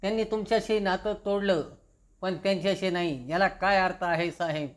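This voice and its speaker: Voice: mid-range voice, fairly even intonation, normal speed, close to an everyday voice. The narrator reading the lines of a blunt, loyal male office assistant who pleads with his boss. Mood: pleading.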